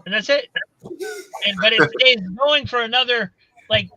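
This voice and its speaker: High, bright-voiced man griping. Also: moderate pace, dull audio. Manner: animated, complaining storyteller. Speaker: co-host of a comics live stream. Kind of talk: casual chat.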